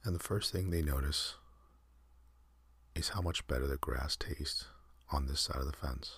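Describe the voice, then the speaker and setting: A man telling a calm ASMR sleep story, counting in a soft, half-whispered, unhurried way. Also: very deep voice, husky, no room sound.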